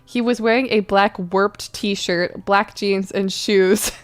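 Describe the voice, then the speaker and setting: A streamer known for dramatic readings performs a badly written fan fiction in an over-the-top, theatrical way, even preserving its deliberate misspellings. Her voice is medium-pitched and steady.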